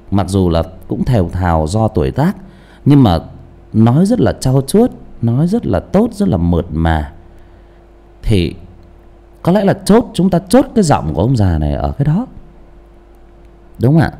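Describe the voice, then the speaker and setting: Animated male audiobook narrator. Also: on the low side, normal speed, pauses often. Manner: animated, repeats and restarts, asks listeners rhetorical questions. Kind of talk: casual talk about character voices.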